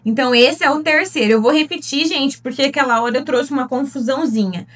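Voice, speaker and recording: A Brazilian relationship therapist with a Brazilian Portuguese accent gives an earnest teaching talk, putting direct questions to her listeners. Her voice is high and fast, and she sounds a little distant from the mic.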